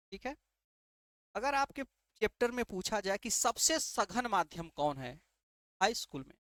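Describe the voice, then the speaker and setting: A man's voice: high voice, fairly bright tone, dry recording, clean studio sound. Man teaching, quizzing himself as he goes. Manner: asks rhetorical questions and answers them himself; repeats key terms and checks understanding with "ठीक है". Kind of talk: classroom-style exam prep lesson.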